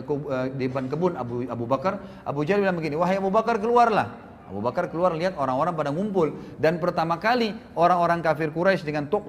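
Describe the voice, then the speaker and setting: A man preacher telling a story in a sermon in a mosque, animated and speaking directly to his listeners. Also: on the high side. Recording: echoey mosque hall, faint background noise.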